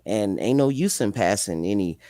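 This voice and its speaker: A man with a deep, low voice talks laid-back in street slang, swearing easily as he holds forth. The sound is dry and close-miked. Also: expressive, moderate pace, dark tone, no echo. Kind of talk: casual chat.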